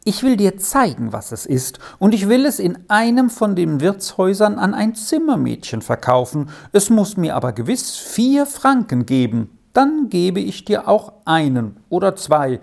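A woman's voice: medium pitch, big pitch swings, measured pace, gravelly, few pauses, a little mellow, pitched above the performer's own voice, full character voice. A woman voicing a cocky, scheming young herd boy in a storybook reading, talking in a brash, coaxing, sly way.

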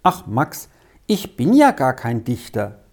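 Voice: mid-range voice, wildly swooping pitch, takes it slowly, a little mellow, heavily acted. A reader doing a timid, fretful young girl. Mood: plaintive. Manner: plaintive, fretful. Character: timid anxious twelve-year-old girl.

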